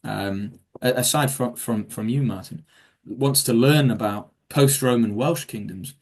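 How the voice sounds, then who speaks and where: An English guest speaker on Viking history answers audience questions over a video call after his talk. His voice is medium-pitched, unhurried, and a little mellow, and his answers ramble, full of ums, restarts, and self-corrections.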